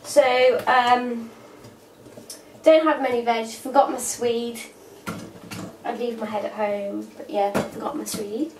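A woman in her thirties talks casually through a home cooking session, her voice sitting a little high. She is picked up by a camera mic across an echoey kitchen, with pots and cutlery clattering behind her. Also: fairly even intonation, slow pace, darkish tone, distant mic, slight background noise. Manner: chatty, talks while working. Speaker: cooking vlogger. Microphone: camera mic from across the room.

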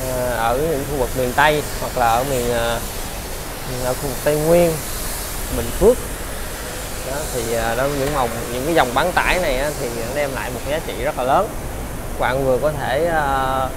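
A man with a southern Vietnamese accent giving a used-car sales walkaround, halting often with fillers as he talks. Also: medium pitch. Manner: halting, filler-heavy delivery. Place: large car detailing workshop. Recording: loud ambient hiss and vehicle noise. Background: steady workshop and vehicle noise.

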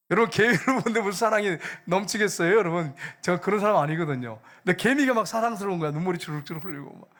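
A man preaching a sermon in a church, his voice sitting fairly high for a man. He tells stories with feeling and then swells into fervent appeals to the congregation. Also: fairly bright tone. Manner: emotional storytelling, rising to fervent exhortation. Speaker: pastor. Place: church sanctuary.

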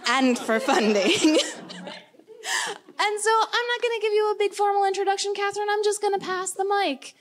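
A woman's voice: very high voice, normal speed. A woman organizing an event, announcing logistics in a friendly, lightly joking way into a handheld mic in a large community hall. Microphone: handheld microphone.

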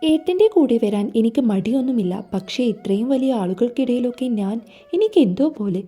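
A woman's voice: sits high, very animated, brisk. A woman reading a shy, timid young wife. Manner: hesitant, soft-spoken.

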